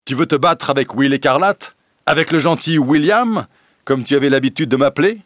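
A man voicing an emotional, excitable young nobleman in a storybook reading, speaking high and breathlessly. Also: fairly quick, dry recording, studio quality, close to an everyday voice. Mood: reproachful.

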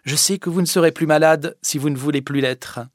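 Voicing a bossy young village girl in an audiobook, this man lifts his pitch a little above his own while staying near an everyday voice, speaking fairly quickly. The studio recording is clean and dry, and his delivery moves from firm scolding to gentleness.

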